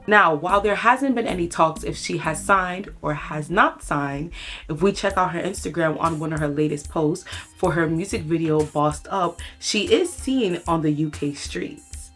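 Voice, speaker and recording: A woman with a low voice hosts an entertainment news segment over a music bed. She reads scripted updates in an upbeat presenter's delivery and talks straight to the viewers. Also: moderate pace, a bit bright. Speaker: host. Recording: music playing under the voice.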